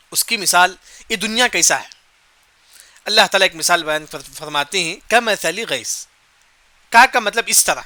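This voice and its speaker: Male Quran teacher with a high, very bright voice, dry recording, explains word by word and chants verses. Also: dry recording. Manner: explains Arabic words slowly, repeats key points. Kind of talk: Quran commentary lesson.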